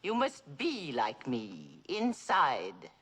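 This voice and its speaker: A woman's voice: extremely low pitch, huge pitch swings, extremely slow, fairly bright tone, breathy edge, heavily acted. An actress playing an imperious, ailing older woman who scorns her son, in a 1960s television drama. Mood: commanding. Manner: commanding, cutting, theatrical.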